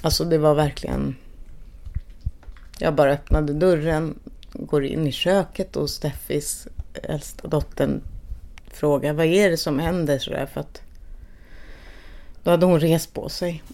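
A middle-aged woman speaking haltingly and with quiet emotion as she recalls a personal loss. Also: low-pitched, fairly even intonation, gravelly. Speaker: bereaved mother interviewed. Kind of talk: personal recollection.

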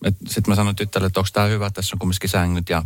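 A male radio host telling a story in a chatty, animated way from a studio. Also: low-pitched, no echo. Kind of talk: casual on-air storytelling. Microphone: studio microphone.

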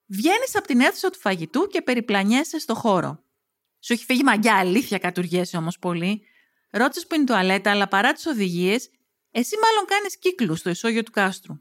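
A woman narrates a comic tale in the second person, with slang and wisecracks throughout. Her voice sits a little high and swings widely in pitch. She sounds playful and sardonic. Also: a bit bright. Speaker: storyteller.

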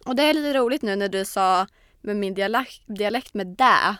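A woman's voice: medium pitch, fairly bright tone, smooth, no room sound, clean studio sound. A young woman from Linköping co-hosting a podcast in casual chat, with a Stockholm Swedish accent and traces of Östergötland. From Linköping, Sweden. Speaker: podcast co-host.

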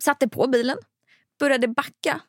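A woman co-hosting a casual chat, telling stories animatedly and swearing freely, acting out her children's shouts. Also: high voice, steady tone, no room sound, studio quality. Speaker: podcast co-host, mother of young children.

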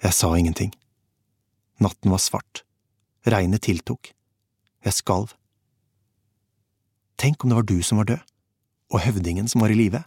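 Male audiobook narrator, measured and calm, low voice, dry studio sound. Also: slightly rough, no room sound. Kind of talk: scripted first-person narration.

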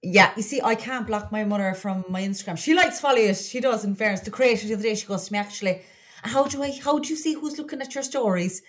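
An Irish woman with a Cork accent co-hosts a podcast, talking fast in a medium-pitched voice. She's chatty, colloquial, and confiding, with a casual, gossipy feel.

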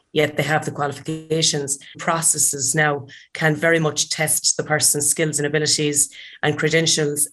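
A woman's voice: low-pitched, a bit bright. A woman with a strong Kerry accent from the west of Ireland, talking as a panellist in a discussion. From County Kerry, Ireland.

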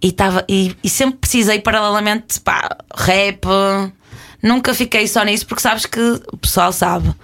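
A woman, a guest on a casual talk show who tells stories in an animated way and acts out other people's voices. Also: mid-range voice, moderate pace. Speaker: guest, rapper and video creator. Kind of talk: casual conversation.

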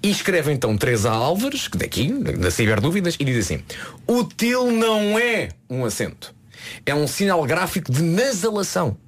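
Animated husky voice on morning radio. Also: medium pitch, moderate pace. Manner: animated, reads quotes aloud with emphasis. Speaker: radio show co-host. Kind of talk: casual morning radio banter. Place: radio studio.

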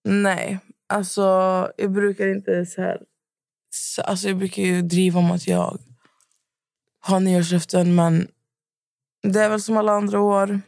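A young woman co-hosting a podcast in casual chat, with short reactions and animated retellings. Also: medium pitch, creaky, long pauses, no echo, studio quality. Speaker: podcast co-host.

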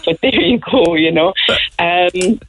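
A woman's voice: fairly low pitch, slow pace, poor audio. A woman with a West Cork Irish accent, chatting casually as a caller to a radio phone-in. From Ireland, County Cork.

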